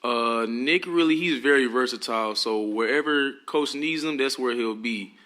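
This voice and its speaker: A teenage high school football player answering interview questions politely and earnestly. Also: male voice, normal speed, bright, forceful tone. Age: teens.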